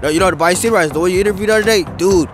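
Very fast and high-voiced, the young wheelie rider gives a casual outdoor interview on a grassy field near a city skyline. His rambling, slang-heavy talk is peppered with "bro" and "dude," recorded on the interviewer's handheld mic over background music.

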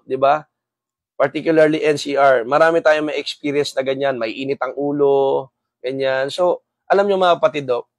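Male host, mid-pitched, earnest live-stream sermonizer, dry close sound. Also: dry recording. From Samar, Philippines. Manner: earnest and preachy, repeating tag questions and "brothers" to the audience. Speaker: host of a gun-owner talk show. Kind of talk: live-stream talk to viewers, reading comments.

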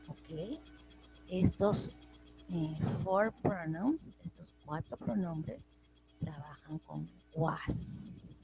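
Slow, gravelly-voiced female English teacher. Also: low-pitched, dark tone, poor audio. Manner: patient, repeats each example in both languages. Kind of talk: slow classroom explanation, mixing Spanish and English.

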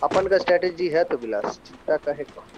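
A man's voice: on the high side, lively intonation, moderate pace, muffled recording, heavy background noise. A man talking as a teammate in a casual gaming voice chat, chatty and complaining freely, sometimes drawing his words out. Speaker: squad teammate. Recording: game gunfire in the background.

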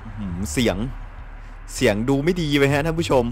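A young man with a Thai accent giving excitable gameplay commentary. He laughs often and swears mildly. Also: mid-range voice, moderate pace, a little hiss or hum. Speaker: gameplay streamer. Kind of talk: casual let's-play commentary.

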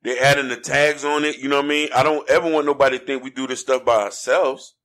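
A man's voice: mid-range voice, steady tone, fast, fairly bright tone. An American man co-hosting a casual podcast chat, talking in an earnest, preachy way and often asking "you know what I mean?". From United States. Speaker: podcast co-host. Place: podcast studio in Florida.

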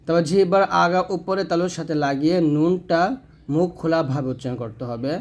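A man with a slightly high voice leads a Quran pronunciation lesson. He sounds out each letter slowly and carefully, then explains in plain, steady terms where the tongue and throat should be placed. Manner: self-corrects mid-lesson. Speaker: Quran recitation teacher.

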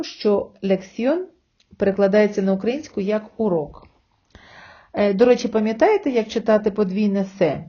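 A woman teaching a language lesson online, explaining patiently step by step and slowing down to sound out example words. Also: mid-range voice, warm tone, dull audio.

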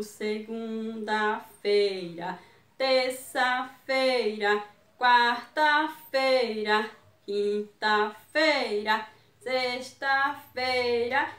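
A woman with a Brazilian Portuguese accent teaching young children, speaking slowly and patiently and sounding out syllables and letters one at a time. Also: on the high side, a bit bright, reverberant, far from the mic. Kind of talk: online lesson for young children.

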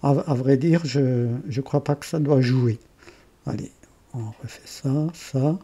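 A man with an Alsatian accent walking through a software tutorial, thinking aloud, correcting himself and adding chatty asides. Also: mid-range voice, slow pace, slightly rough. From Alsace. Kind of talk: screen-recorded software tutorial.

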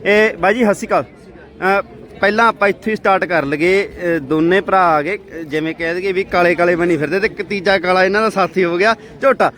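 A man's voice: high voice, fairly quick, a bit bright. A man with a Punjabi accent hosting a casual on-the-spot vlog, chatting familiarly with farmers and commenting as he goes. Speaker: livestock show video host interviewing farmers. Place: outdoors at a livestock fair. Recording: outdoor event, crowd and street noise behind.

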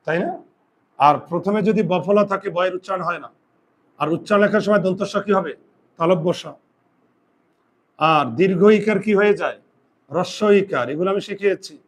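Leading his students through grammar, a male teacher with a fairly high voice asks them questions only to supply the answers himself. Each rule is dictated slowly and deliberately so the class can copy it down.

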